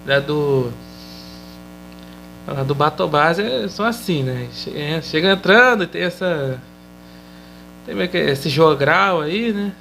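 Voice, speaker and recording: A man's voice: a little high, animated, slow, creaky, pauses often, sharp tone, slight background noise, rough recording. A man with a Brazilian Portuguese accent casually recapping a TV episode, chatty and loose, often tagging his sentences with questioning fillers. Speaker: episode reviewer.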